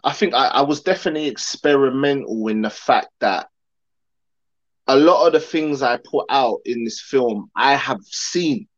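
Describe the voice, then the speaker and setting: A man's voice: medium pitch, normal speed, lo-fi sound. A man with an urban London roadman accent, chatting casually and using street slang as a film-maker in an interview. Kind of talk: casual conversation about own film.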